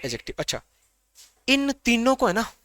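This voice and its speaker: A man gives a grammar lecture in a high, bright voice. His tone is crisp and clear, and the recording is close and dry with almost no room sound. He drills the class by asking questions and answering them himself. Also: big pitch swings, normal speed, no echo. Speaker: English grammar teacher.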